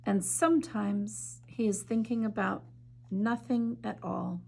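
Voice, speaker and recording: Slow, gravelly-voiced woman reading aloud. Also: medium pitch, steady tone. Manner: gentle, measured reading with soft drops in volume; enthusiastic, chatty when discussing the art. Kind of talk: slow storybook read-aloud, then art discussion.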